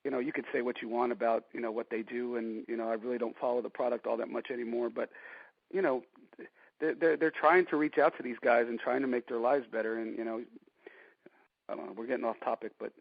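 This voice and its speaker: This fortysomething interview guest talks fast in a steady, medium-pitched voice that's gravelly and husky, with no echo. He rambles through stories in a casual chat, filling them with "you know", on a dry, dull lo-fi recording.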